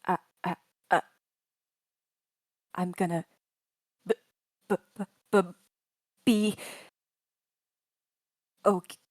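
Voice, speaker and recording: A woman's voice: on the low side, fairly even intonation, drawn-out words, pauses often, darkish tone, no room sound, clean studio sound. A woman voicing a malfunctioning android in a tabletop game. It stammers on broken syllables and repeats the same word in a glitching loop. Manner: stammers on syllables, then loops one word.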